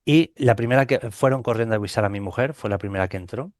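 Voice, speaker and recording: A man's voice: medium pitch, fast, dry recording, clean studio sound. A middle-aged Spanish man with a Spanish accent, telling a personal story in an interview and animatedly acting out the dialogue. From Spain. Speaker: guest recounting a near-death experience.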